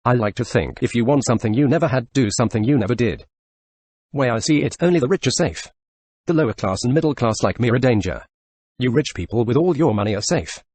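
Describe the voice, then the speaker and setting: A synthetic male text-to-speech voice narrating forum posts, reading short posts back to back in even sentences. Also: mid-range voice, fast talker, breathy edge, no echo.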